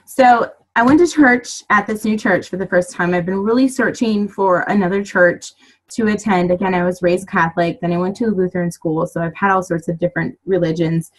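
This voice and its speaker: A woman in her thirties telling a lively personal story to her team in a casual, chatty way, full of fillers and little acted-out asides. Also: lowish voice, brisk, poor audio. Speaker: team leader giving a motivational talk.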